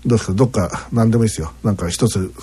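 A man hosting a casual web radio show, reading listener mail and acting out word accents with exaggerated pitch swings. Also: very fast, warm tone, breathy edge.

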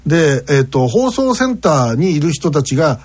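A man hosting a casual web radio show, reading listener mail and acting out word accents with exaggerated pitch swings. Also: sing-song, moderate pace, darkish tone, slightly rough.

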